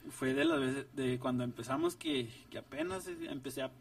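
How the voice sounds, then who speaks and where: A man's voice: very high voice, normal speed, vocal fry. A young man from Ciudad Juárez, a ska musician telling a story in casual, slangy chat and acting out the voices of the people in it. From Ciudad Juárez, Mexico. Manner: slangy, animated retelling with voiced quotes. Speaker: ska band musician, guest. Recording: distant mic with faint noise.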